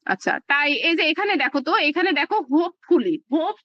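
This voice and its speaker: A woman's voice: very high voice, big pitch swings, fast, no room sound, lo-fi sound. A woman teaching a live online class, explaining step by step with plenty of fillers. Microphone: video call.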